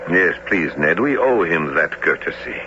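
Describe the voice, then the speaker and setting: An actor playing a courteous, reasoning professor in a formal, articulate radio drama manner. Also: male voice, sits low, expressive, measured pace. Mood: placating. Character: courteous, reasoning professor and narrator, calm-headed. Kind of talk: old-time radio drama acting and narration. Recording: muffled lo-fi radio recording, noisy.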